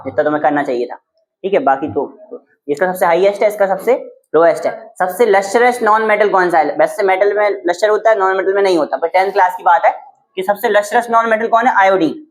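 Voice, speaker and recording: A man's voice: high voice, low-quality recording. A male chemistry teacher giving a classroom lesson, explaining memory tricks and quizzing students with rhetorical questions. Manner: uses silly memory tricks.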